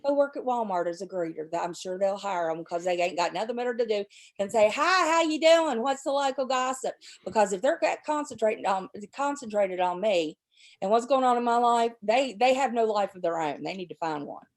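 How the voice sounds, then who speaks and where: A woman's voice: mid-range voice, expressive, brisk, a little mellow. Stuffy-voiced woman ranting on a stream. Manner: profane, heated, rambling. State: stuffy, sore throat from a cold. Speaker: livestream host. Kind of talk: casual chat and angry rant.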